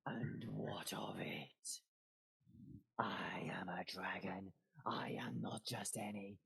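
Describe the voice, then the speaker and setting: A man voicing a huge, arrogant red dragon with booming, breathy, imperious speech in a tabletop game. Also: steady tone, slow, fairly bright tone, heavily acted. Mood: arrogant threat.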